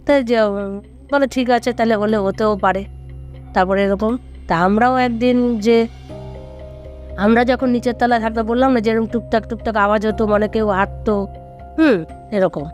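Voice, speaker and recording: A man's voice: high-pitched, fairly even intonation, normal speed, pauses often, soft background music. A man telling a ghost story in casual conversation, rambling and repeating himself with many fillers.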